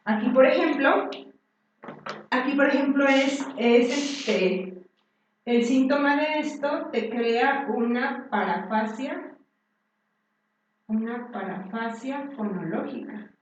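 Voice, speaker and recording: A woman giving a university lecture, speaking slowly and deliberately with many fillers and restarts. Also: high voice, slight background noise. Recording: very echoey room, distant and dull.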